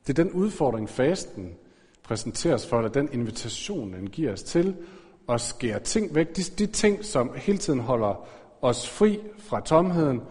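A man's voice: medium pitch, big pitch swings, darkish tone, big-room sound. A man preaching a sermon as pastor, talking conversationally with frequent fillers and self-corrections.

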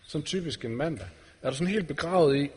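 A preacher delivers an earnest sermon to his congregation in a church hall, asking his listeners direct questions. His voice is fairly high, slightly rough, with lively intonation, and the recording echoes with the hall's reverberation.

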